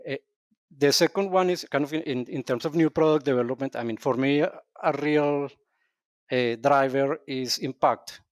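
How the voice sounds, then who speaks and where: A man from Colombia, a podcast guest speaking in a thoughtful, measured way with some restarts. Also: medium pitch, no room sound, clean studio sound. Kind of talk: podcast interview.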